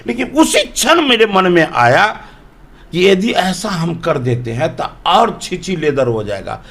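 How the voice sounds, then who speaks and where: A man's voice: high voice, big pitch swings, unhurried, a bit bright. A man, a politician from Bihar, answering interview questions in an emphatic, argumentative way full of rhetorical questions.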